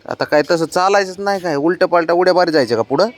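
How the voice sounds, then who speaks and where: A young man outdoors talking to his pet cat in doting baby talk, coaxing it along and scolding it gently. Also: sits high, fast. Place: outdoors, in sun and shade.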